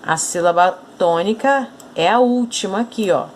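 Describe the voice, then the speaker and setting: A woman with a Brazilian Portuguese accent teaching an online lesson, saying words slowly and clearly and asking the students questions. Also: medium pitch, a little hiss or hum. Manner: slow, clearly stressed syllables, asking questions.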